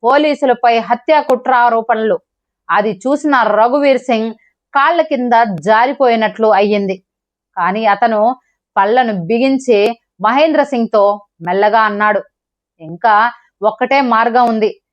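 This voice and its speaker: Female storyteller, dramatic scripted narration, fairly high voice, dull lo-fi audio. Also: normal speed. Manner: steady, dramatic storytelling delivery. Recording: dull lo-fi recording.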